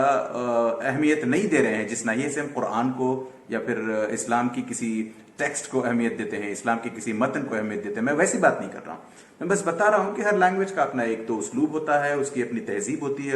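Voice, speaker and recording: Man, language teacher, patient, slow repeated drills, mid-pitched voice, echoey room. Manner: mixes Hindi-Urdu with English words. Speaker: English pronunciation teacher. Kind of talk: online language lesson.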